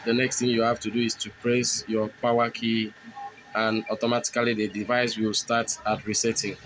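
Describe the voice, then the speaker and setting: A man narrating a step-by-step phone tutorial, explaining each button press in steady, repetitive phrasing. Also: on the low side, normal speed, a little hiss or hum, poor audio. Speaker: tech tutorial host.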